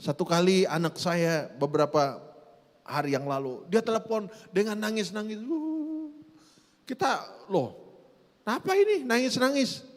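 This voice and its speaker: A middle-aged man, preaching a sermon in a church hall, swinging from hushed asides to loud drawn-out emphasis. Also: high voice, big pitch swings. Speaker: pastor.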